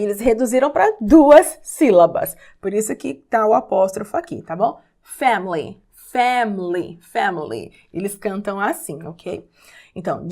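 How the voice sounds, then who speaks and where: A woman with a Brazilian Portuguese accent gives an online English lesson. She speaks slowly and patiently, explaining each point step by step. Her voice sits in an ordinary middle range. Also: mid-range voice. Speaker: English teacher.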